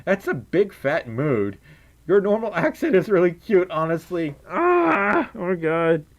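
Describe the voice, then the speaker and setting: A young man streams with a scratchy, high-pitched voice that is very animated, reading chat donations at a measured pace. He giggles and hums playfully as he goes through the messages, and the audio sounds dull.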